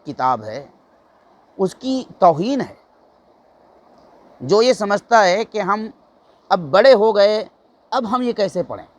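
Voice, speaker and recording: A man giving a sermon as a mosque imam, urging listeners earnestly and asking rhetorical questions. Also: high voice. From India.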